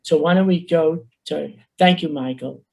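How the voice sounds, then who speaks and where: A man with a Bronx accent giving an earnest, fast-paced webinar talk as a social worker over a video call. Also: a little high, creaky, dark tone, poor audio. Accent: New York Bronx.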